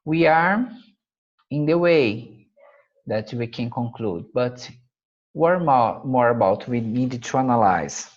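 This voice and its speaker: Working through math slides, this native Portuguese speaker from Brazil talks with a Brazilian Portuguese accent, pausing to search for his English words and filling gaps often. His medium-pitched voice is expressive, though the recording is muffled.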